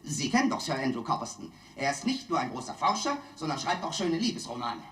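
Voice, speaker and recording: An actor playing a smooth-talking auctioneer in a dubbed film, giving repetitive sales patter and bid calls. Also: male voice, on the high side, sing-song, fast talker, a bit bright. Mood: salesmanlike patter. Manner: repetitive auctioneer calling of bids. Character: smooth-talking London auctioneer hawking antiques to bidders. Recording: echoey room, old film dub.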